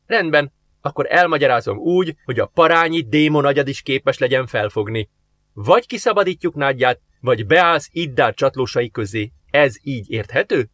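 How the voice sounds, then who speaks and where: A man's voice: mid-range voice, lively intonation, a bit bright, dry recording, lightly acted. A man voicing a stern, impatient young angel who talks in a curt, commanding way, read for an audiobook.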